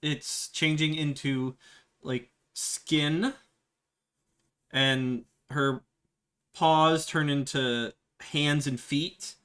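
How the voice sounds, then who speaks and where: Male game master, slow and halting, lots of fillers. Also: on the high side, fairly even intonation, a bit bright, clear, resonant tone. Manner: halting, many fillers and restarts, laughs at himself. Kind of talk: narrating a tabletop game.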